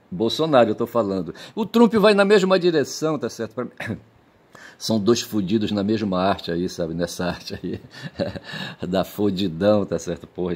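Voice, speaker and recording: A man's voice: low voice, a little mellow. A man giving a rambling, casual monologue at home, swearing a lot, chuckling at his own jokes and tagging his sentences with checks for agreement. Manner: digressive, crude swearing, frequent "tá certo?" and "sabe?" tags, laughs at own jokes. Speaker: video commentator.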